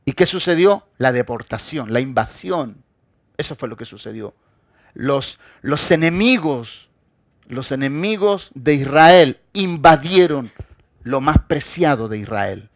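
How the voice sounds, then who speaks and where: A man preaching a sermon as pastor. He addresses the congregation directly and swings between loud, forceful emphasis and quiet asides. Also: medium pitch, lively intonation, unhurried, no room sound, studio quality.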